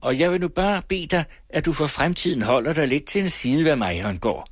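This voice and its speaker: Man playing a scornful young farmhand, curt, gruff, dry sound. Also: a little high, animated, dry recording, pitched above the performer's own voice.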